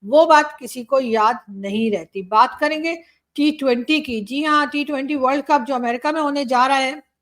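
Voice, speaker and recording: A woman's voice: high-pitched, moderate pace, a bit bright. A woman from Pakistan with a Pakistani Urdu accent, giving casual, opinionated news commentary with frequent fillers. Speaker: journalist and commentator.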